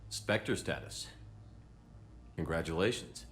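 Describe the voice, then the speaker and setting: An actor playing a steady, supportive and grave military commander in a video game. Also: male voice, sits low, slow pace, slight background noise, exaggerated voice. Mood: steady, warm. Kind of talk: video game dialogue acting.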